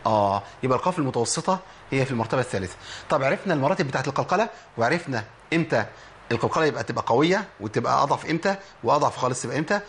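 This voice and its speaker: A man's voice: mid-range voice, expressive, racing, a bit bright, a little hiss or hum. A man with an Egyptian Arabic accent teaching a Quran recitation lesson, asking questions and answering them himself while demonstrating the sounds. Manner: explains by demonstrating sounds, asks and answers his own questions. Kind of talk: tajweed lesson.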